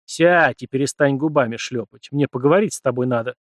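A man voicing a stern male god who speaks with gruff irony and gives orders. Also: mid-range voice, a little fast, dry recording, clean studio sound, close to an everyday voice. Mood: mocking, commanding. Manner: commanding, gruffly ironic.

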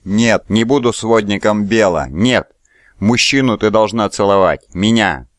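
A jealous priest rages in short, desperate bursts, as a man reads him in an audiobook. The voice sits very low. The sound is dry and close. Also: measured pace, dry recording, close to an everyday voice. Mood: frenzied. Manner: shouting in frantic bursts. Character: frenzied jealous male temple priest. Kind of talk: audiobook character voice.

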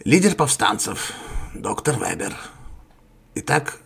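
A man voicing a calm, sinister male rebel leader who speaks slowly and courteously, with a husky, creaky voice. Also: mid-range voice, full character voice. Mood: suave menace. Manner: slow, courteous, menacing.

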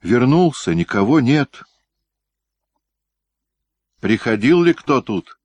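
A man reading an audiobook, voicing an angry, jealous nobleman who shouts harsh orders. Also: medium pitch, very animated, takes it slowly, no echo, pitched above the performer's own voice.

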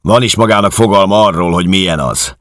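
Man voicing a hulking bully officer, loud, scornful, raspy edge. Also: low-pitched, sing-song, dry recording, studio quality, voice pushed up, heavily acted. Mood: angry bullying. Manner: shouting, contemptuous.

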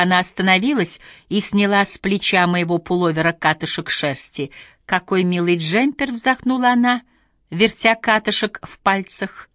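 A woman reading a memoir aloud in a measured storytelling manner. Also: mid-range voice, a bit bright, dry recording, studio quality. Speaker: audiobook narrator. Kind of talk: scripted narration.

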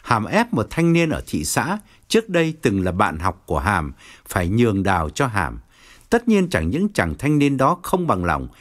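A man narrating an audiobook story with expressive storytelling. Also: medium pitch. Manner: expressive, wide-ranging storytelling.

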